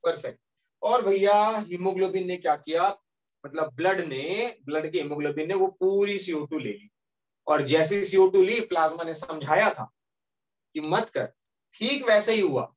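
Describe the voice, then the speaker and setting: A male teacher giving a lively classroom lecture as a story, often checking that students follow. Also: high voice, moderate pace, distant mic.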